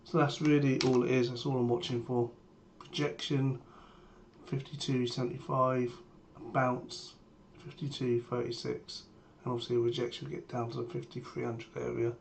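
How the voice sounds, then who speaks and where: Man with a sore, swollen-throat voice, even-toned. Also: mid-range voice, moderate pace, gravelly. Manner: matter-of-fact, brief. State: sore throat, strained under-the-weather voice. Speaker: trader sharing a premarket plan. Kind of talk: live market commentary. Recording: steady background noise, keyboard typing.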